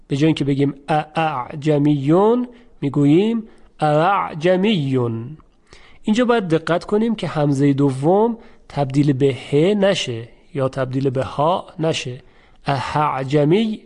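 A man teaching Quran recitation rules, with a mellow, slightly raised voice. He speaks slowly and carefully, repeating each sound to demonstrate it. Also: a little high. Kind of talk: tajweed lesson.

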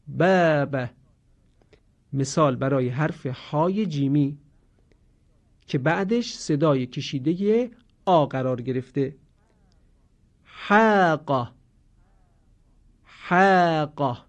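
A man teaching Quranic pronunciation, explaining rules and drawing out example words slowly. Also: on the high side, animated, a little mellow. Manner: slow, deliberate drawn-out model words between explanations. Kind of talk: instructional lesson on Quranic pronunciation. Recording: dull lo-fi audio.

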